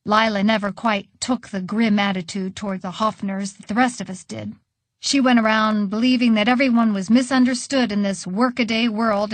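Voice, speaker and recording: Expressive woman audiobook narrator. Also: on the high side, no echo. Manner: expressive, conversational storytelling.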